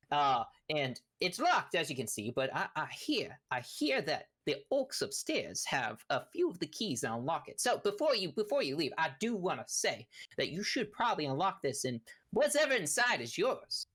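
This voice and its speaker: A woman voicing a gruff, talkative male half-orc rancher who rambles folksily and calls people honey. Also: low voice, fairly bright tone, heavily acted.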